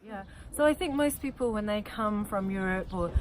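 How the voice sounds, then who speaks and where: A woman's voice: medium pitch, normal speed, poor audio. A woman from New Zealand, a guest in a casual interview, explaining things in a chatty way with frequent yeahs.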